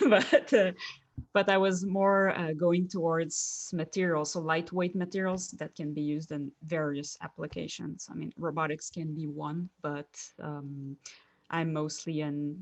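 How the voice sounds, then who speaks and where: A woman from Quebec, Canada, speaks as an interview guest with a fairly low voice. She hesitates often and slips short laughs between her phrases. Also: flat delivery, measured pace. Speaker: engineering professor, guest. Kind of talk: casual interview answers.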